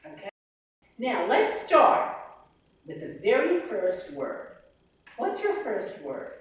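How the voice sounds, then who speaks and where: Lively woman coach, echoey hall. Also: on the high side, slow pace. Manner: animated, demonstrates sounds and sung lines. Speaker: vocal coach. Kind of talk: master class teaching. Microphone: distant room mic. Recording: very echoey room from far off.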